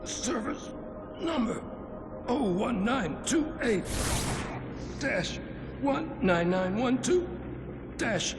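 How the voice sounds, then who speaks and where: An actor playing a captured, middle-aged starship captain who recites his name and service number in a strained, halting way and breaks into anguished, defiant shouts, in a video game cutscene. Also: extremely high pitch, big pitch swings, over music, exaggerated voice. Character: captured veteran male starship captain, tormented but defiant.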